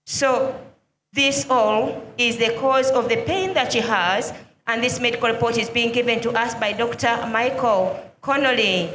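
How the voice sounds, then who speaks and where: A high, bright woman gives live commentary at a church service. She reads a medical report aloud and proclaims to the congregation. Her voice rings through an echoey hall with music in the background. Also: measured pace, slight background noise. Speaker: ministry commentator. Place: large hall with crowd and music.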